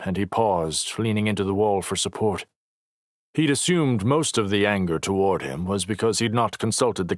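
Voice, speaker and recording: A man reading a novel aloud as an audiobook narrator, in measured, expressive storytelling. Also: fairly low pitch, no room sound, studio quality. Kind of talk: scripted narration.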